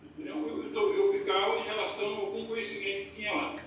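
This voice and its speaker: A man's voice: high voice, flat delivery, fast talker, slight background noise. A man telling his personal story in a casual group talk, with restarts and repeated words. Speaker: participant in a group discussion. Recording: distant echoey room mic, muffled.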